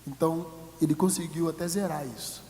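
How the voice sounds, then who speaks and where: Brazilian male pastor, high voice, booming hall, jokey sermon, mimics congregants. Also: fairly even intonation, fairly quick, slight background noise. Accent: Brazilian Portuguese. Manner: humorous, acts out congregants' voices; swings from shouted to quiet. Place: church hall.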